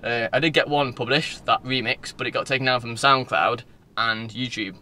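At a normal speed, a Northern English vlogger in his twenties chats in an informal, rambling way, his mid-range voice pushed and bright. He records on a phone at arm's length from inside a car, with faint car-interior noise behind him.

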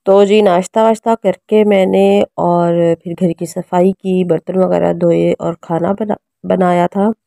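Chatty low-voiced mom vlogger. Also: female voice, steady tone, measured pace, gravelly, hardly any pauses, dark tone, no echo, clean studio sound. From Pakistan. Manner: chatty, homely, addresses viewers directly. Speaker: vlogger, mother and housewife. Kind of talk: casual home vlog narration. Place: small home.

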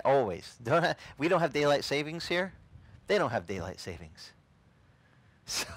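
A middle-aged man pastors a relaxed sermon out on a beach, his speech lively and full of gestures. English is not his first language, and he slips into playful voices for the people in his stories. His voice sits at an ordinary pitch and sounds dry and close, with no room around it. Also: dry recording, poor audio. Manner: animated, gestures a lot, acts out quoted voices. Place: outdoors on a beach.

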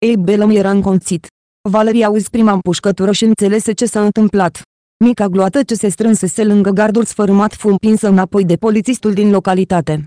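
An audiobook narrator reading a novel in a steady, even manner. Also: mid-range voice, no room sound, clean studio sound. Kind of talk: scripted narration.

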